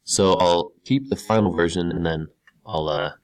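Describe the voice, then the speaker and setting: Man, teacher, fairly low voice, casual step-by-step screen tutorial, repeats key words. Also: moderate pace. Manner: casual, talks through each step as he does it. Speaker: computer science teacher. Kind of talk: screen-recorded tutorial walkthrough.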